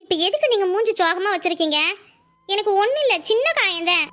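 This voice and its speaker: A woman's voice: extremely high pitch, expressive, fast, fairly bright tone. A woman with a Kanyakumari Tamil accent voicing a stubborn, devoted young woman in a cartoon, earnestly brushing off worry.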